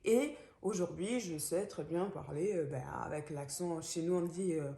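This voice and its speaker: A woman's voice: fairly low pitch, normal speed, dark tone, roomy sound. A young woman from Gabon with a Gabonese French accent, talking casually through a book review with many fillers and restarts.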